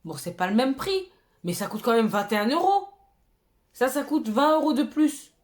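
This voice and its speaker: A woman beauty vlogger in casual haul chat, chatty and expressive, with exclamatory asides as she shows her purchases. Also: sits high, moderate pace.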